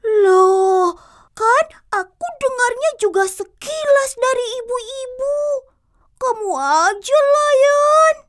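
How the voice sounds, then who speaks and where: A squeaky, slow-talking little boy. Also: expressive, fairly bright tone, slight background noise, heavily acted. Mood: reluctant. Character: cheerful young village boy, fond of food. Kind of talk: children's TV drama.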